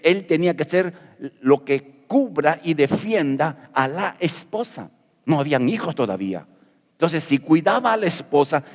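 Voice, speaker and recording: A man's voice: a little high, in a large hall. A middle-aged man from Peru preaching a sermon as pastor, folksy and jokey, asking rhetorical questions.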